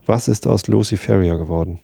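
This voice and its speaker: A man reading the lines of a grief-stricken young male hunter who pleads and speaks sternly, in a deep, gravelly voice. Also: a little fast, dark tone, dry recording, clean studio sound, full character voice. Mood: pleading.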